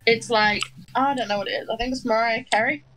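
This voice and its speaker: A woman's voice: a little high, fairly even intonation, brisk, background noise. A woman chatting with a friend during a game, teasing him and laughing often. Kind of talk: casual chat while gaming.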